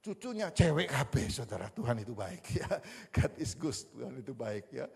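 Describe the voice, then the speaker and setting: Seorang pendeta pria yang lebih tua berkhotbah dengan gaya bercerita yang hidup, suaranya agak serak, dan ia terus menyapa jemaat sebagai "saudara". Sesekali ia menyelipkan kata-kata Jawa dan Inggris. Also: male voice, on the high side, moderate pace, gravelly, slightly rough. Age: older. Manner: animated storytelling, addresses the congregation as "saudara" constantly; mixes in Javanese and English words. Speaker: pastor. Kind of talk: sermon. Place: church hall. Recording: long church hall reverb.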